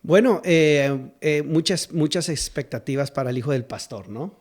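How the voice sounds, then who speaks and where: With a voice on the high side and a little mellow, this man talks at a moderate pace. He's a South Texas pastor and singer-songwriter in his fifties, a guest telling life stories in a hesitant way, with many fillers and restarts and quick laughter.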